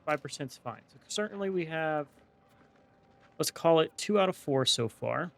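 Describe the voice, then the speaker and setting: A man's voice: fairly high pitch, animated, moderate pace, creaky, fairly bright tone. A man with a slight lisp from wearing a dental retainer, giving casual let's play commentary as he thinks aloud and weighs options one by one. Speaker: gaming video host.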